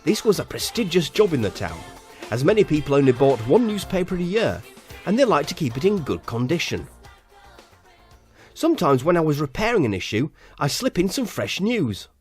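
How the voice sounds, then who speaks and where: This podcast host from Halifax, West Yorkshire, delivers a scripted, absurd comic story with dry, mock-serious narration. His voice sits on the high side, very animated and a little mellow, at normal speed, with faint music behind him.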